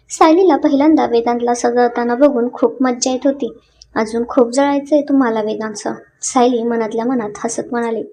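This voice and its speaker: High-voiced woman narrating a romance story. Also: mellow, a little hiss or hum.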